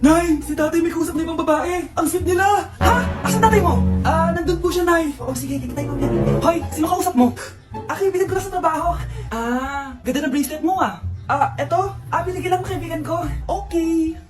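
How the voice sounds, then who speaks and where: A woman's voice: very high-pitched, fairly quick. A woman performing short comic skits, switching between exaggerated character voices. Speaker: sketch performer playing many parts. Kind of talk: comedic skits, acting all roles. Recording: music playing behind the voice.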